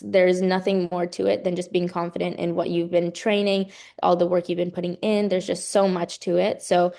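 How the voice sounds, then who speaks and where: A woman's voice: on the low side, creaky, darkish tone. A young adult woman, a college gymnast, speaking in an earnest, effusive and emphatic way as the guest in a casual interview.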